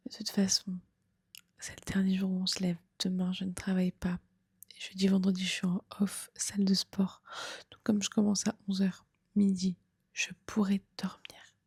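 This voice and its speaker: A woman's voice: mid-range voice, monotone, moderate pace, darkish tone, husky, no echo, clean studio sound. A young woman whispering an early-morning vlog, exhausted. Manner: whispering, tired. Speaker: fitness vlogger.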